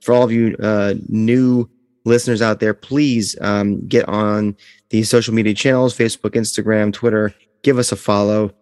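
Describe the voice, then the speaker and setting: A man's voice: fairly low pitch, flat delivery, normal speed, darkish tone, clean tone, no room sound, studio quality, long reverb tail. A man hosting a podcast in a casual, chatty style. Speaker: podcast host. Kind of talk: casual chat.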